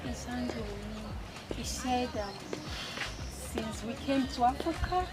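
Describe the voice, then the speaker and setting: A defiant, upset young wife, pleading and stammering as she defends herself. Her voice is high. Loud film music plays behind her. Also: lively intonation, slow pace. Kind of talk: Nollywood film acting.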